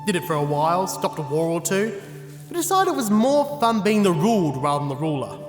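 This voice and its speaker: An actor playing a gallant living scarecrow in an audio drama, earnest, fretful and emphatic. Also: male voice, sits high, big pitch swings, brisk, reverberant, long reverb tail, over music. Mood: reflective.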